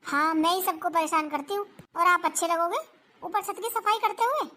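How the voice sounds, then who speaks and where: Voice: extremely high pitch, moderate pace, sharp tone. A performer voicing an older mother-in-law who complains about her aching knees and scolds the household, in a family comedy skit. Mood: complaining. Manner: complaining, self-pitying scolding.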